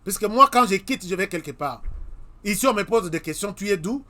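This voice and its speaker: High-voiced, emphatic Congolese man. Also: animated, a little fast, bright, forceful tone. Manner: emphatic, repeats warnings, addresses listeners directly. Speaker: web TV host. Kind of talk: commentary monologue to viewers.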